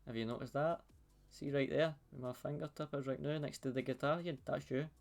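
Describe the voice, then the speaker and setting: A man's voice: medium pitch, steady tone, a little fast, creaky, a little mellow, soft background music. A Scottish man hosting a podcast, chatting casually over a video call in a blunt, sweary, laid-back way. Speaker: podcast host. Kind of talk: casual chat. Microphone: webcam video call.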